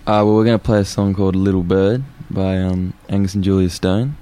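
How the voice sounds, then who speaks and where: A man, a musician guest in a radio studio, relaxed and often laughing. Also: deep voice, fairly quick, clean tone. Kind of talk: casual radio chat.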